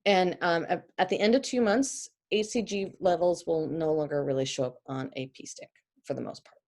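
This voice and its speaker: A woman's voice: on the low side, moderate pace, a little mellow. A young adult woman with a New York accent, explaining a lesson off the cuff with many restarts. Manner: explanatory, with frequent restarts and fillers. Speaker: teacher. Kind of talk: unscripted lecture.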